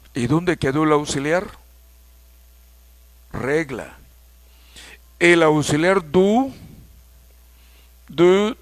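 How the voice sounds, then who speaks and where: A man from Mexico teaching an English grammar lesson, explaining slowly and repeating key points. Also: fairly high pitch, no echo.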